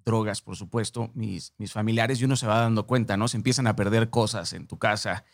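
A man's voice: lowish voice, steady tone, a little fast, gravelly, dry recording, clean studio sound. A man with a Mexican accent hosting an interview, asking casual questions with slang. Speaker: podcast host.

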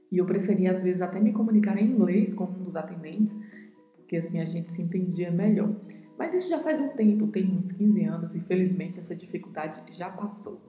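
A woman with a Brazilian Portuguese accent hosting a podcast Spanish lesson, explaining pronunciation patiently and slowly. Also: lowish voice. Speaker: podcast host, Spanish teacher. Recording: roomy echo with soft music.

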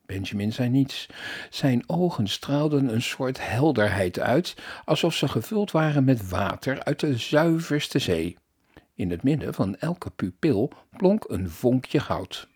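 A man reading a children's story aloud in an expressive, animated storytelling manner. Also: medium pitch, slow, breathy edge.

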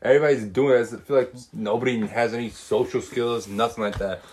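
A man's voice: medium pitch, steady tone, fairly quick, darkish tone, slight background noise. Ranting young man with heavy slang. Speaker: podcast co-host. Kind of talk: casual chat.

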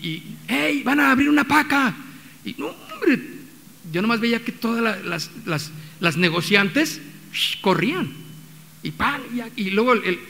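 A man's voice: sits high, fairly bright tone. A man with a Mexican accent preaching a sermon as pastor, talking in a conversational way with many restarts and acting out quotes. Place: church hall. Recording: long reverb of a church hall.

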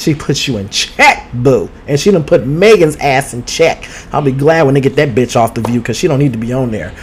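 Male podcast host, mid-pitched, sassy gossip chatter, streaming from home. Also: darkish tone, a little hiss or hum. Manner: sassy, outspoken, swears freely; talks straight to listeners. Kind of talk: casual gossip chat. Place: home studio. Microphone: streaming with two cameras.

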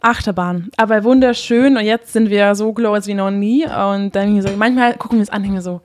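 Warm-spoken woman, dry. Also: mid-range voice, brisk, no room sound. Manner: open, emotional, chatty with frequent fillers. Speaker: podcast guest, couples therapist. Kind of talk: casual heartfelt conversation.

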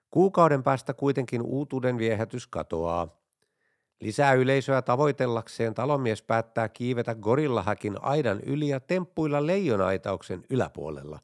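A man reading a string of jokes in an even, deadpan storytelling manner. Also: medium pitch, dry recording, studio quality. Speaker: joke narrator. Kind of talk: scripted joke reading.

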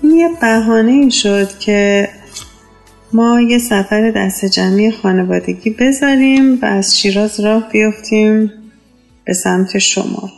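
A woman in her fifties from Iran, telling a personal memory in a relaxed, nostalgic, conversational way. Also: medium pitch, soft background music, low-quality recording. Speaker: storyteller sharing a memory. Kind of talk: casual personal storytelling.

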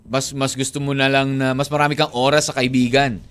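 A man's voice: mid-range voice, flat delivery, fairly quick, a bit bright, clear, resonant tone. A man with a Filipino accent hosting a radio show, reading listener texts aloud in casual joking banter. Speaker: radio DJ host.

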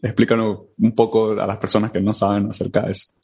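A man hosting a casual interview, lively and repetitive as he asks questions. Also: fairly low pitch, fast talker, gravelly, breathy edge. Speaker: interviewer host.

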